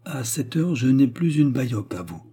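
A man's voice: mid-range voice, sing-song, normal speed, warm tone, slightly rough. A man voicing a banker politely announcing that a fortune is gone. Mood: matter-of-fact. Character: banker bearing bad news.

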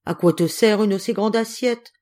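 A woman voicing a cunning, clever female tortoise who talks in a slow, sly, teasing way in a storybook reading. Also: medium pitch, darkish tone, voice pushed up, lightly acted. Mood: scheming.

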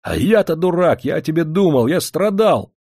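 Reader as a pompous, flustered writer, voice leaping up in outbursts, dry close sound. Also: male voice, mid-range voice, expressive, brisk, a little mellow, breathy edge, dry recording. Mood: indignant. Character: indignant middle-aged male writer, flustered and rhetorical.

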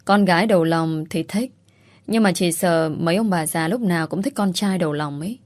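A woman's voice: lowish voice, a little fast, a little mellow, no room sound, natural voice. A woman voicing a sly, smug young female teacher who pries breezily. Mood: prying.

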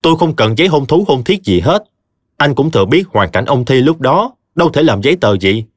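A man voicing a scheming, shrill middle-aged stepmother who wheedles and snaps. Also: sing-song, brisk, no room sound, clean studio sound. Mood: defiant.

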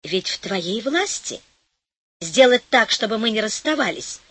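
A woman reading an audiobook, voicing a gentle dream maiden made of cloud, speaking in a soft, hushed, coaxing way. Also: a little high, lively intonation, measured pace, slightly rough, no room sound, exaggerated voice.

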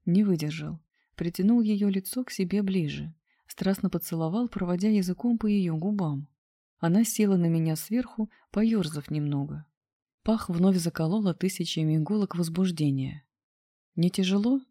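A woman reads a romance novel aloud in a soft, intimate way. Her voice sits low and mellow, and the recording is close and dry with no room sound. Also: moderate pace, no room sound. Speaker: audiobook narrator. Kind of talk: scripted narration of a romance novel.

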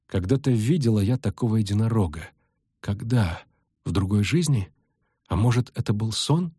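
A man voicing a cold young woman warrior who speaks quietly and contemptuously, husky-voiced. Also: on the low side, lively intonation, moderate pace, no room sound, studio quality. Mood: brooding.

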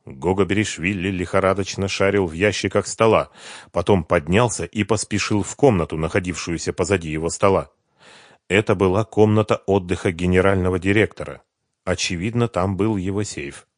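A man reading a novel aloud as narrator in an even storytelling manner. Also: deep voice, a little fast, no room sound, clean studio sound. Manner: even storytelling, voicing all characters. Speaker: audiobook narrator. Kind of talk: scripted narration.

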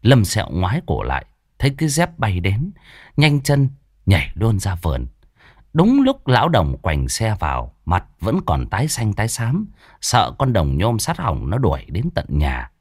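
A man narrating a comic ghost story with a lively, animated delivery. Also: on the low side, normal speed, breathy edge, no echo, studio quality.

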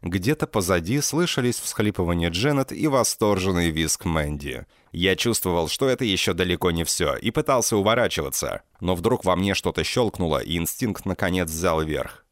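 Sex: man. Role: audiobook reader. Style: first-person narration. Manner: deadpan, sardonic, deep, expressive rise and fall. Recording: dry and close. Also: normal speed, few pauses, no room sound.

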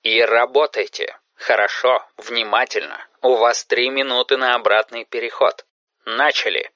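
A man's voice: medium pitch, steady tone, normal speed, sharp tone, dry recording, highs cut off, lightly acted. A man voicing a terse, commanding mentor giving orders over the phone.

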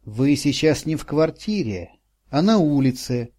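A man doing a kind bewildered man, gentle, reassuring, mellow voice. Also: a little high, very animated, unhurried. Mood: soothing.

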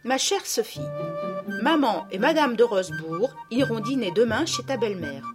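A woman voicing a sweet, kind little girl in a storybook reading, speaking gently and earnestly. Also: a little high, big pitch swings, moderate pace, over music, pitched above the performer's own voice.

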